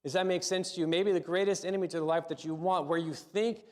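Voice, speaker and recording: Slightly high-voiced male pastor preaching. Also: steady tone, fast, a little mellow. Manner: conversational, with frequent restarts and repeated words. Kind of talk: sermon with spoken prayer. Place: church service, also live-streamed.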